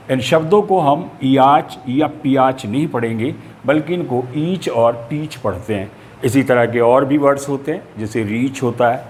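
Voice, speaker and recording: A man's voice: mid-range voice, darkish tone. A man teaching a lesson, explaining spellings steadily and spelling words out letter by letter.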